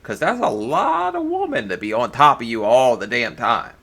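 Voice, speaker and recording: A man's voice: mid-range voice, moderate pace, gravelly. A man hosting a reaction video, giving blunt, crude casual commentary. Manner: blunt, crude jokes, animated.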